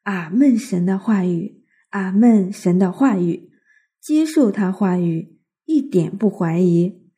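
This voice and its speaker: A woman reading a scripted devotional outline in a measured, recited manner. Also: mid-range voice, expressive, mellow, husky.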